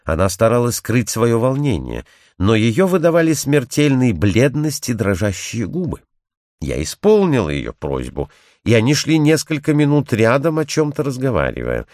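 A man's voice: mid-range voice, huge pitch swings, moderate pace, a little mellow, dry recording, studio quality. A man reading a timid young woman's confession. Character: young timid blonde woman recounting a secret.

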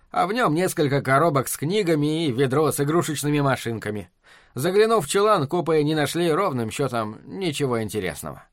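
A man narrating an audiobook in an even storytelling manner. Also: on the high side, dry recording, clean studio sound. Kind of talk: scripted narration.

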